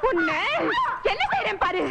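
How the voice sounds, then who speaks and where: A woman's voice: sing-song, moderate pace, full character voice. An actress playing a harsh stepmother in a film. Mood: scolding. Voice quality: shrill, scolding. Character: harsh bullying village stepmother, woman. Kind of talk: 1990s film dialogue. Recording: noisy old film soundtrack.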